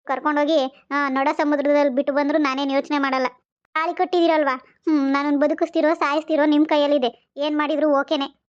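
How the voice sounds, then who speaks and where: A young wife with a high, narrow-ranged voice, played by a woman, protesting in a plaintive, melodramatic way. The sound is a bit dull and lo-fi. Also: little pitch movement, a little fast, natural voice. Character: young wife, meek yet pointedly dramatic. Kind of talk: amateur family skit.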